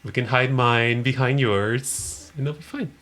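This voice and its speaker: A man's voice: mid-range voice, unhurried, a bit bright. A man playing in a tabletop role-play, bantering and laughing often. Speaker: player.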